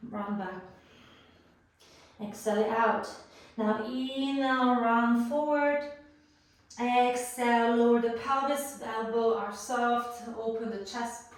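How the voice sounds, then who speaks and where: A woman teaching a guided yoga class, calmly cueing breaths and poses, a little out of breath from moving while she talks. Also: on the high side. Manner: calm cueing of breath and poses, playful asides. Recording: roomy echo, voice far from the mic.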